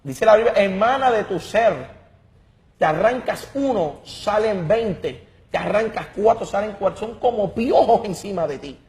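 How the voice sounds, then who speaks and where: Fervent man, high voice. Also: animated, unhurried, darkish tone. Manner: emphatic and dramatic, repeats words while searching. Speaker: guest giving a testimony. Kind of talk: impassioned religious testimony.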